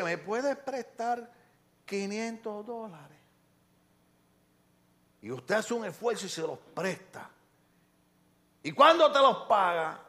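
A man delivers a sermon. He preaches with lively swings between loud outbursts and hushed asides. He acts out the quotes of people in his stories. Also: on the high side. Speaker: pastor.

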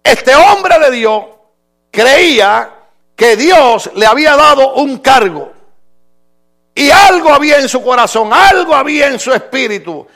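Middle-aged male pastor, impassioned sermon delivery, high pitch with a rough, gravelly edge. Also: expressive, slow. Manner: impassioned preaching, swinging from shouts to quiet.

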